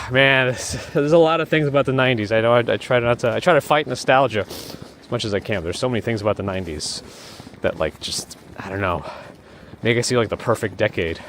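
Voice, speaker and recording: A man's voice: fairly low pitch, fairly bright tone, slight background noise. A man rambling through a live stream while walking outdoors in a blizzard, talking into a handheld phone and thanking viewers by name. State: losing his voice. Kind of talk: casual live-stream chatter. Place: snowy city streets outdoors in a blizzard.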